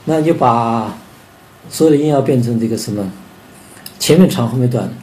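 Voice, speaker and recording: A man's voice: mid-range voice, normal speed, dark tone. An older man teaching a music lesson on rhythm, explaining beats and singing out counting syllables to demonstrate.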